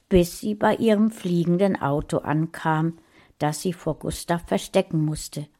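A woman reading a fantasy story aloud in a calm, even way. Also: lowish voice. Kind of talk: audiobook narration.

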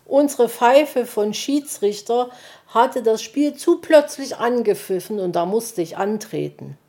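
A woman's voice: on the high side, expressive, measured pace, warm tone, pitched above the performer's own voice. A woman voicing a cheeky, cheerful male storybook character. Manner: cheeky, laughing. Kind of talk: storybook reading.

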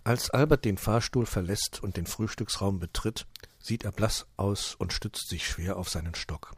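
A man reading a humorous short story aloud in a calm, even storytelling manner. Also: on the low side, a little slow, husky, no echo. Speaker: narrator.

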